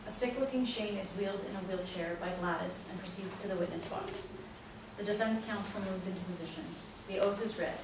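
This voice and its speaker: This woman narrator, mid-range in voice and fairly quick, reads scripted stage directions during a play reading. The microphone sits far from her in a very echoey indoor space, leaving the recording noisy.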